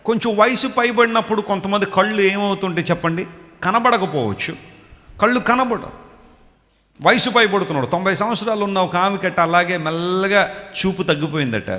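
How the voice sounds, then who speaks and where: A man's voice: sits high, normal speed, pushed and bright. A man preaching a sermon, telling stories and asking his listeners questions directly. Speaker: pastor. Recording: long hall reverb.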